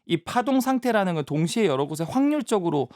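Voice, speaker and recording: Fast-talking man explaining with analogies. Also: sits high, sing-song, darkish tone, dry recording, studio quality. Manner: patient, explains with everyday analogies. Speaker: science communicator guest. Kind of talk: explanatory interview talk. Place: studio. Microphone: studio mic.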